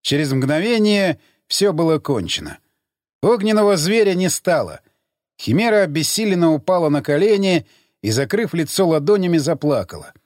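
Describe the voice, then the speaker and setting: A man narrating an audiobook in an expressive, theatrical style. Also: a little high, normal speed, dry recording, studio quality.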